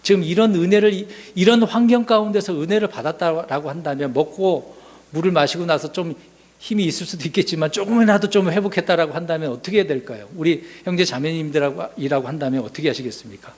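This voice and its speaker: A man preaching a sermon as pastor, asking the congregation questions and swinging from loud emphasis to hushed asides. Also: on the high side, quick pace.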